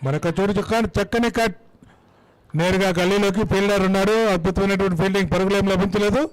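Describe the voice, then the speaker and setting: A man's voice: high-pitched, fairly even intonation, fast, poor audio. A man giving live ball-by-ball cricket commentary.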